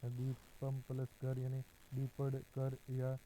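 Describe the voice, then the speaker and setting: A man with a very dark, mellow voice gives a slow, methodical exam-prep grammar lesson. He speaks on an almost unchanging, flat pitch and often pauses on a drawn-out "a" as he works through each example. A faint hiss sits under the recording. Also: low-quality recording. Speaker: teacher.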